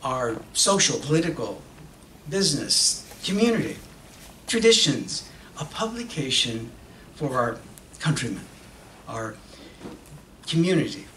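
Earnest and proud, a man acts as an earnest magazine publisher during a dramatic monologue on an auditorium stage, shifting between English and Spanish. His mid-range voice is very animated, bright and forceful, yet paced in halting, deliberate short phrases separated by pauses. Audio comes from a lectern stand mic via a distant camera, giving an echoey, distant sound with background noise.

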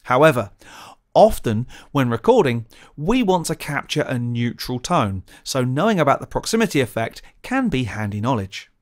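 A man presenting a scripted audio tutorial, explaining clearly and methodically into a close studio condenser mic. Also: mid-range voice, very animated, moderate pace. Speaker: presenter of a gear channel.

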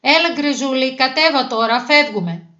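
A woman's voice: high voice, pushed and bright, pitched above the performer's own voice. A woman voicing a caring but strict male schoolteacher of the forest animals, coaxing and warning. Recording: dull lo-fi recording.

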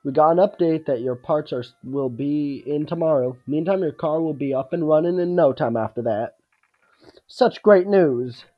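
A man's voice: on the high side, moderate pace, phone-quality sound, natural voice. A man voicing a chatty, kindly older small-town woman from a video game. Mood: folksy, chatty. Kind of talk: video game character read aloud.

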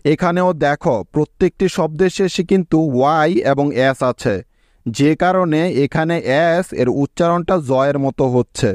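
A man teaching English pronunciation in a slow, step-by-step lesson, spelling out words letter by letter and checking often that the listener follows. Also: fairly high pitch, darkish tone, no echo, studio quality.

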